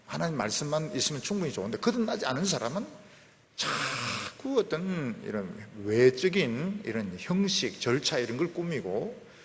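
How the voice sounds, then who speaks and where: A middle-aged male pastor preaching a sermon, swinging between loud emphatic bursts and quiet trailing endings. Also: on the high side, big pitch swings, normal speed, in a large hall.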